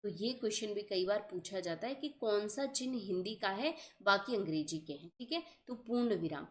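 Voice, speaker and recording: A woman's voice: mid-range voice, lively intonation, moderate pace. A young woman teaching an exam-prep grammar lesson, explaining patiently and often checking that her students follow.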